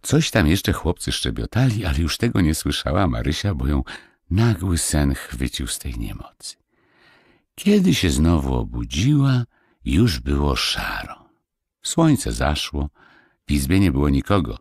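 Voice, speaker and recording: A man narrating a fairy-tale audiobook with expressive storytelling. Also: a bass voice, a little slow, husky, no room sound, studio quality.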